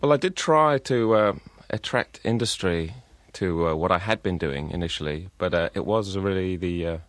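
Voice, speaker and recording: A man's voice: low-pitched, normal speed, no echo. A man, a design lecturer, answering radio interview questions in a hesitant way, full of uh and um fillers and an uneven pace. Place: radio studio.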